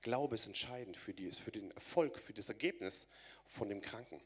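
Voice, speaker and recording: A German man in his thirties gives an earnest, urgent testimony of his faith to a church audience. His voice is lowish with a breathy edge and a moderate pace, and he repeats phrases and restarts words.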